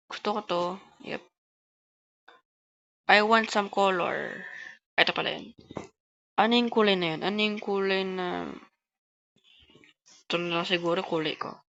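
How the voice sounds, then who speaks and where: A woman who talks fast, giving casual gameplay commentary and chatting to her viewers as host of a gaming channel. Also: mid-range voice, creaky, a bit bright, lo-fi sound. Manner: fast-talking.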